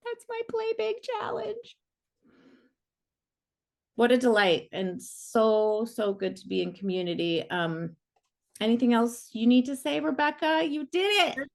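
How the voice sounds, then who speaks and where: A middle-aged woman, a coach leading an online workshop, talking in a casual, animated and playful way. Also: fairly high pitch, moderate pace, vocal fry. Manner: animated and playful, many fillers like "like".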